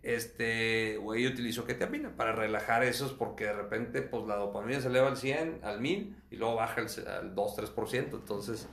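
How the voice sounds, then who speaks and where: A man, a guest talking candidly in an interview, speaking quickly and restarting words often. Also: fairly low pitch, a bit bright, roomy sound. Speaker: guest sharing his own experience.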